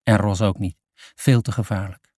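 Mellow-voiced male audiobook narrator. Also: on the low side, moderate pace, dry recording, studio quality. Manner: steady storytelling reading.

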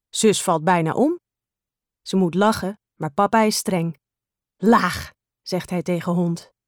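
A woman narrating a children's storybook in an expressive, animated way. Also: mid-range voice, dry recording, studio quality. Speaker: storybook reader.

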